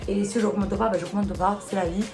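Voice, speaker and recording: A woman with a steady, medium-pitched voice talks briskly over background music. She's a YouTuber from Marseille vlogging casually, answering comments with blunt exasperation and a fondness for rhetorical questions.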